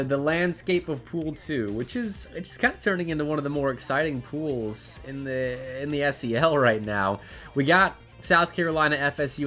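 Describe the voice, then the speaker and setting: A man with a noticeably nasal, stuffed-up voice talks casually into a desk microphone, rambling and restarting his sentences as he sets up a match broadcast. His pitch sits in an ordinary middle range. Faint music plays underneath. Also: sharp tone. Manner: chatty, rambling, frequent restarts. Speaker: esports caster streaming a match. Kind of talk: casual stream commentary. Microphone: desk microphone at a home streaming setup.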